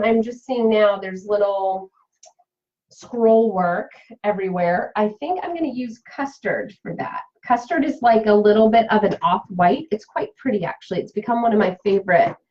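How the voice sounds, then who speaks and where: A woman's voice: on the high side, a little mellow, lo-fi sound. A woman leading a live-streamed craft tutorial, chatty and full of fillers, answering viewers' comments as she works. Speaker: craft demonstrator and seller.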